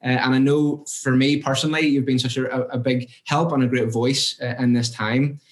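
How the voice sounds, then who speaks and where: Earnest host, echoey room. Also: male voice, mid-range voice, flat delivery, moderate pace. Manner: earnest, quotes scripture, "uh" fillers. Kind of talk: reflective devotional talk and interview.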